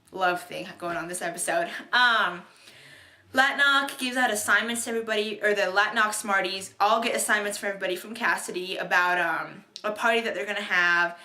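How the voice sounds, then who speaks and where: A young woman with a medium-pitched, sharp-toned voice chats about a TV episode she's recapping, recorded in a room with echo. Her talk is bubbly and meandering, peppered with fillers and false starts.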